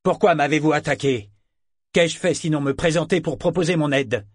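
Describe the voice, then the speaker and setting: A man's voice: a little high, moderate pace, dry recording, voice pushed up, lightly acted. A man voicing a scheming wandering priest who speaks in a theatrical, falsely pious way, in a dry studio reading. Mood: outraged.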